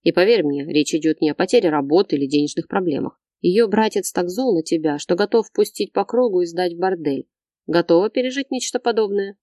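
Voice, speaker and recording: A woman reading the part of a domineering, threatening man in an audiobook, lowering her voice and speaking curtly. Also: fairly quick, dark tone, dry recording, studio quality, close to an everyday voice. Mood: menacing. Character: domineering controlling man, young adult, cold and threatening.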